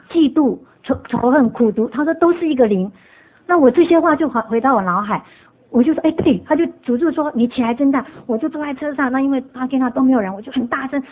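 A woman's voice: a little high, husky. A woman giving an earnest, emotional personal testimony in church, mixing stories with laughter. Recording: tinny phone-like sound.

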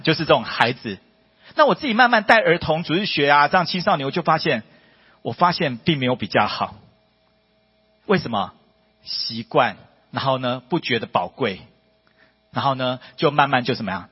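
A man preaching a testimony sermon to a church congregation, emphatic and full of rhetorical questions. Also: breathy edge. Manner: emphatic, rhetorical questions, rising to high excited peaks. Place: church hall. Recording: dull lo-fi audio with long hall reverb.

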